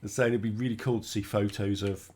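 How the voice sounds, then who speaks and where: Here a congested, croaky British man hosts a gaming channel, talking through a racing game in a brisk, relaxed, chatty manner. His pitch is a little low, and he keeps thinking out loud while he drives in this casual commentary.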